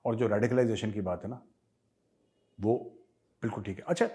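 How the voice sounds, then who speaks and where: A man's voice: fairly low pitch, moderate pace, mellow. An emphatic man with an Indian accent, hosting a casual Q&A with viewers and switching between Hindi and English. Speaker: host answering viewer questions. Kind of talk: casual commentary Q&A.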